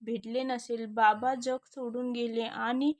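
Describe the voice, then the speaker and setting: A woman voicing a gentle, earnest young woman in a storybook reading. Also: a little high, little pitch movement, unhurried, close to an everyday voice.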